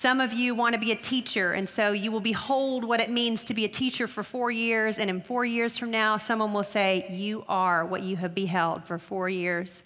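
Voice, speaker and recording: A woman's voice: mid-range voice, steady tone, a bit bright. Middle-aged woman speaker, earnest sermon to students, emphatic, long hall echo. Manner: earnest, emphatic, slows down for key phrases. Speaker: speaker addressing college women.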